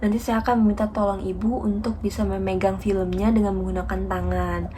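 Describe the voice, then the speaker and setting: A dental student, a young woman, walks through a radiography procedure one step at a time, polite, formal, and methodical. Her medium-pitched, mellow voice is brisk with little pitch movement, over a faint hiss or hum.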